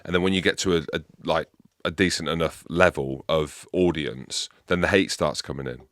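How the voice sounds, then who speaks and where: Man, English accent, podcast host, very deep voice, animated chat, dry sound. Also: moderate pace, no room sound. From England. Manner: animated, chatty, leads the questions.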